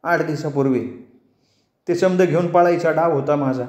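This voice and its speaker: Young repentant dancer girl, voiced by a man, high and pleading, echoey. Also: normal speed, darkish tone, natural voice. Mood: confessing. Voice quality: village dialect speech. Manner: pleading, apologetic.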